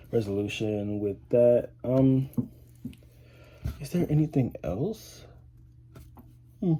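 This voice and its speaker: A man's voice: mid-range voice, creaky, mellow, slightly rough. An eighteen-year-old man chatting casually to camera as a vlogger, rambling with lots of fillers and restarts. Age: 18, teenager. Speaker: vlogger, high school student.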